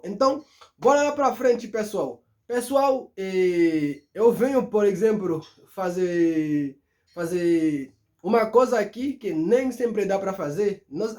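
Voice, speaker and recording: A man with a Haitian accent and a fairly high voice teaches in a relaxed online lesson. Haitian Creole is his first language, and he moves easily between Creole, French and Portuguese. He repeats words slowly and carefully to help learners. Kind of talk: casual video lesson.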